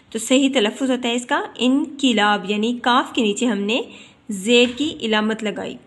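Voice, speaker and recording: A woman teacher gives a pronunciation lesson, slowly and carefully spelling out the vowel marks of each word. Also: a little high.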